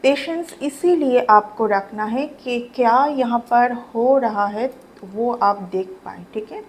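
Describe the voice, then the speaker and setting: Slow, chatty woman reading tarot. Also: a little high, slight background noise, rough recording. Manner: chatty, repeats phrases, mixes English into Hindi. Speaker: tarot reader. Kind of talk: casual tarot reading for viewers.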